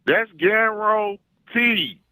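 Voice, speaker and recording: A man with an Arkansas Southern accent, talking as an animated sports fan calling in, boastful and emphatic, repeating his phrases for effect. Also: sits high, extremely slow, no room sound. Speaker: call-in guest, self-styled football scout.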